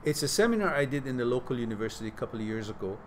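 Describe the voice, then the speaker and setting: A man's voice: mid-range voice, very animated, very fast, slight background noise. A middle-aged man hosting a live question-and-answer stream, giving reflective advice and reading out viewers' messages. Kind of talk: casual live advice talk.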